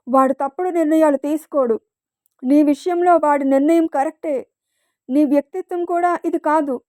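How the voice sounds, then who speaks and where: A woman's voice: high-pitched, darkish tone, dry recording, clean studio sound, lightly acted. A woman voicing an anxious, loving mother who pleads with a young woman in a storybook reading. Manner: pleading, distressed.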